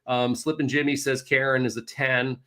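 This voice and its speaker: A man hosting a casual livestream Q&A as a real estate agent, telling animated stories and swearing mildly. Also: mid-range voice, normal speed. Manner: chatty, animated storytelling with mild swearing.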